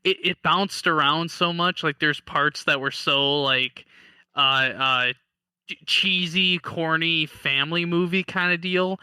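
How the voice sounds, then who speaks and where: Bright, clear-voiced podcast co-host man. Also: a little high, a little slow, no room sound. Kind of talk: casual movie-review chat.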